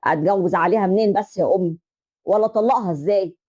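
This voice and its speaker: A woman voicing a worn-out young husband who pleads with his mother, in an Egyptian accent, with a lowered voice. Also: racing, mellow, husky, close to an everyday voice. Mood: weary pleading. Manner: weary, pleading. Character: troubled young husband, a man.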